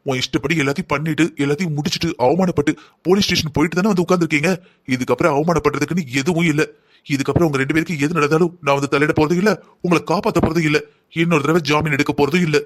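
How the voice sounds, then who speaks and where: A man's voice: a little high, fairly even intonation, rapid-fire, lightly acted. Man voicing a stern, lecturing father. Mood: bitter. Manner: lecturing, bitter. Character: stern, disappointed middle-aged father. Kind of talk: Tamil cartoon voice acting.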